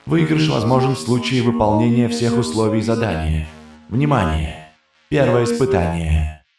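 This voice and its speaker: A man reading a story voices a soft robot voice, neither male nor female, with no emotion or intonation. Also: mid-range voice, normal speed, gravelly, pitched above the performer's own voice. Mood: cold. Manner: flat, without emotion or intonation. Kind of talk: audiobook narration. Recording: echoey, with loud music behind.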